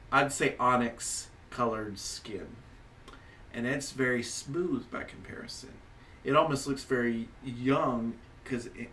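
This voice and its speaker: A man acts as game master, improvising tabletop narration at a slow, halting pace. His voice is bright and forceful, and he sits a little away from the mic with faint noise behind him. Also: mid-range voice, far from the mic. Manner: halting, searching for descriptive words.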